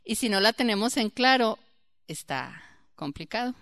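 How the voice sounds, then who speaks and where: A woman giving a church Bible teaching, lively and questioning her group, acting out quoted voices. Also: on the high side, normal speed, dry recording, clean studio sound.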